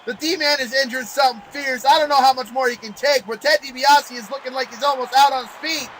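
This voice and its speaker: High-pitched male wrestling commentator, excitable. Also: fairly quick, slight background noise, low-quality recording.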